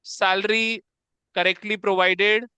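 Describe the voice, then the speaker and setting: A man lectures in a classroom, his voice high and bright with a crisp, clean edge. He coaxes the students along and keeps asking if they follow. The sound is dry and close. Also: level tone, a little slow, no echo. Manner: coaxing, calls students "beta", keeps asking if it is clear. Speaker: accounts teacher.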